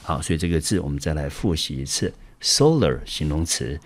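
A man's voice: rumbling low, lively intonation, a little fast. A middle-aged man with a Taiwanese Mandarin accent, teaching an English vocabulary lesson and explaining each point step by step. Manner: explains step by step, often starting lines with "hao".

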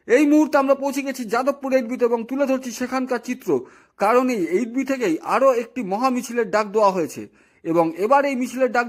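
A male news reporter giving a formal, steady on-location report. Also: very high-pitched.

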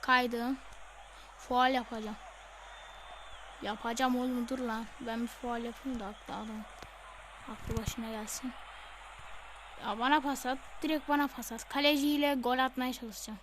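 A woman playing a football video game live, excitable, yelling instructions at the screen and swearing. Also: fairly high pitch, normal speed, long pauses, background noise. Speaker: gamer.

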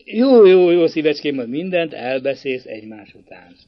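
A man's voice: a little high, big pitch swings, dry recording, highs cut off. A male audiobook reader voicing a kindly, fatherly village priest in a classic novel. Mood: tender.

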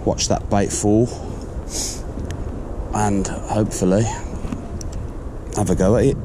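A man with a fairly low voice talks through his fishing outdoors, explaining each step in a relaxed way. He is recorded on a chest-mounted action camera by a canal. Clear wind and outdoor noise sit behind him. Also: slow pace. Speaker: angler vlogger. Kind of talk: fishing commentary.

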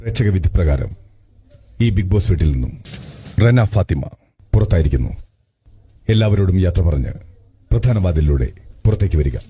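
Unseen reality-house announcer, deep gravelly-husky tone, formal and commanding. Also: male voice, lively intonation, normal speed, pauses often, dark tone, heavily acted. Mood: solemn.

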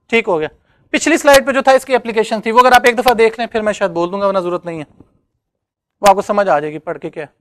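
A man's voice: high voice, a bit bright, no echo. Male lecturer, easygoing classroom talk, keeps asking if it makes sense, close and dry sound. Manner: conversational, checks understanding often.

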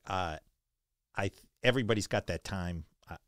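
A man's voice: sits low, moderate pace, fairly bright tone, no room sound, studio quality. A man hosting an interview, asking long rambling questions in a conversational way and sharing his own racing memories. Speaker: interview host. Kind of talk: casual interview.

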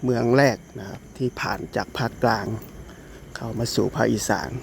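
Man, Isan Thai accent, casual walking vlog, rambling restarts, gravelly voice, loud street traffic behind. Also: mid-range voice, fairly even intonation, normal speed. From Isan, northeastern Thailand. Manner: rambling, with many restarts and fillers. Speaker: vlogger. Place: narrow street outdoors at night. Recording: noisy outdoor street recording.

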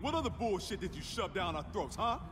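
An actor playing a bitter, threatening middle-aged survivor with an American accent in a video game drama. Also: male voice, high voice, sing-song, fairly quick, over a noisy crowd. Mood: bitter, insistent. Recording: game audio under loud music.

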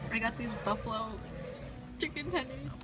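A woman's voice: fairly high pitch, moderate pace, loud music behind the voice. A young woman casually chatting to a handheld camera as a vlogger. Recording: noisy handheld vlog audio.

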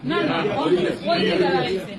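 A woman's voice: very high-pitched, very animated, brisk. A woman with a Bangladeshi accent giving an insistent, repetitive eyewitness account, recorded at a distance from the mic. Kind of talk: unscripted spoken account. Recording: distant mic, loud crowd in large room.

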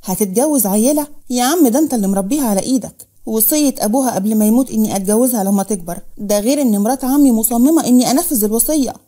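A woman's voice: fairly high pitch, very fast, hardly any pauses, dark tone, natural voice. A woman voicing a frank male friend with an Egyptian accent who gives blunt advice, in a storybook reading. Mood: advising.

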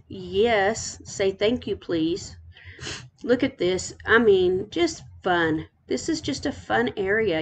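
A middle-aged woman gives a casual tour, her voice sitting at an ordinary middle pitch. She gushes and repeats words of praise over and over. A faint hum of ambience sits behind her. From Texas. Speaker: island tour host. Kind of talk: casual game island tour narration.

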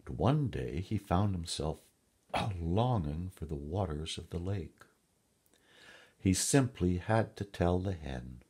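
A man reading a fairy tale aloud in a gentle, measured storybook style. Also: sits low, animated, husky.

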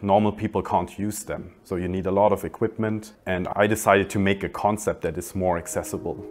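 A man in his twenties, an industrial designer, calmly explaining his project in a documentary interview with a few restarts. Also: sits low. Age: 20s. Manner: calm, explanatory, some restarts. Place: indoor hallway by large windows.

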